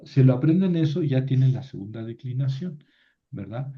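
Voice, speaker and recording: A man's voice: mid-range voice, expressive, normal speed, highs cut off. A man teaching a Biblical Greek class online, explaining patiently step by step and often checking with "¿verdad?".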